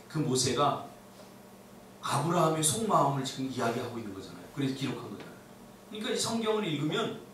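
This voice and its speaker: A man preaching a sermon as a pastor, animated, acting out the voices he quotes. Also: high-pitched, slight background noise. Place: church sanctuary. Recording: echoey church hall, mic at a distance.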